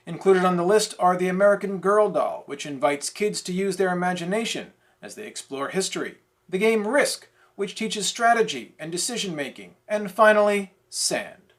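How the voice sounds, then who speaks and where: A man reading a scripted parody newscast as its anchor, with a deadpan newsreader delivery. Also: high-pitched, normal speed. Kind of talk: scripted mock newscast narration.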